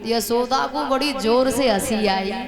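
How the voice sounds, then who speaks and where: High-voiced woman preacher telling a devotional story, slow and dramatic, crowd noise behind. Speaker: religious storyteller. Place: religious gathering. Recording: live gathering with crowd noise.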